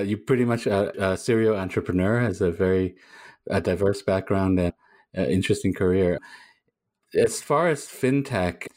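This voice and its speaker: A man hosting a podcast, reading a measured intro and then asking questions with some halting restarts. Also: deep voice, darkish tone. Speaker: podcast host.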